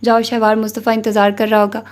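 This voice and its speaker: A woman's voice: on the high side, monotone, darkish tone, lightly acted. A woman voicing a stern, matter-of-fact elderly matriarch in a novel reading.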